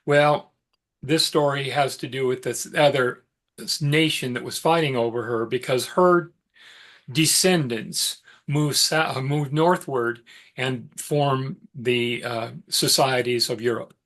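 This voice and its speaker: A middle-aged man teaching a mythology class, telling the story in a relaxed, conversational way with fillers and side remarks. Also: medium pitch, slow. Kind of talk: informal lecture storytelling.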